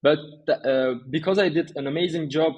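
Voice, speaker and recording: A small agency owner in his twenties from Turkey and France, whose first languages are Turkish and French, answers interview questions conversationally as a guest. His voice is fairly high, a little mellow with a breathy edge, and he speaks at a moderate pace.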